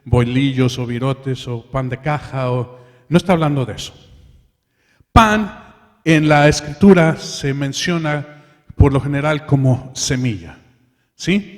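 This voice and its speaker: A man's voice: mid-range voice, a little slow, a little mellow. A man preaching a sermon in church, calling his listeners brothers and leading them in prayer. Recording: reverberant hall.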